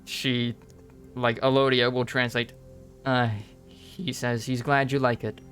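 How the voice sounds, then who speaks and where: Slow-paced man running a tabletop game. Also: medium pitch, flat delivery, a bit bright. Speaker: game master. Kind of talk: narrating a tabletop role-playing game. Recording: music behind the voice.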